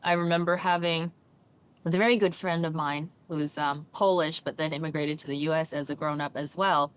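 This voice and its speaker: A middle-aged Chinese woman, a therapist and coach, is a guest in a reflective interview, speaking English with a slightly American-leaning accent. Her low voice runs a little fast, thoughtful and animated, and she often checks in with "right?".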